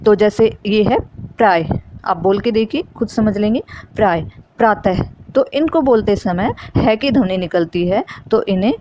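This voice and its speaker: A woman's voice: mid-range voice, a little mellow, muffled recording, slight background noise. A woman teaching a Hindi grammar lesson for exam preparation, explaining step by step and repeating key terms.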